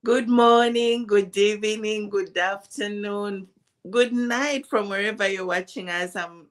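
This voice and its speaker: A woman's voice: medium pitch, steady tone, a little slow. A woman from Uganda joining a livestream as co-host, cheerful and welcoming. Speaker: guest co-host. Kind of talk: livestream talk.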